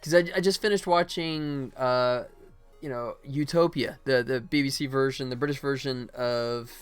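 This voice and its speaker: With soft background music, a livestream host who animates games talks in a clean, mid-range voice at an ordinary pace. He works on camera, musing casually out loud and occasionally murmuring under his breath.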